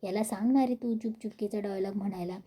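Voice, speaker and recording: A woman's voice: mid-range voice, fairly even intonation, quick pace, dark tone, slightly rough, natural voice. A woman voicing a playful young female coworker in a retold soap scene, pleading and teasing.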